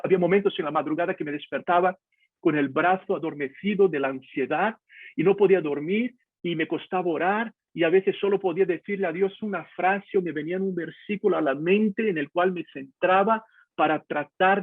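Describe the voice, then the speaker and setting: Over tinny online call audio, a Brazilian pastor talks candidly and directly to his audience in a personal devotional, recorded at home on a video call. His voice is a little high, and there's no echo.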